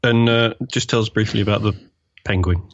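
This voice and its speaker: Male podcast co-host, gravelly, animated pitch, dull dry recording. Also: a little fast, dry recording. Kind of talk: casual chat.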